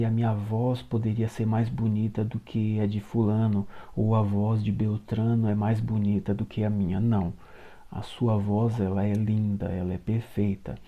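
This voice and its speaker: A middle-aged man from Brazil, a singing teacher and choir conductor, giving a calm, encouraging spoken voice lesson to his students and explaining things step by step. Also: on the low side.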